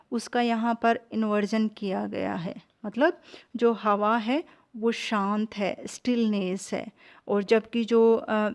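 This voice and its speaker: Woman teacher going slow through a poem, kinda high voice, lots of ums. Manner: slow, hesitant explaining with fillers, mixing English terms into Hindi. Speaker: English literature teacher. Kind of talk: explaining a poem in a lesson.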